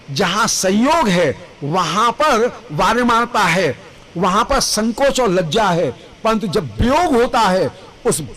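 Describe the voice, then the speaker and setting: A male devotional storyteller preaching a sermon, chanting Sanskrit verses with drawn-out, emotive phrasing. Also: sits high, a bit bright, rough recording.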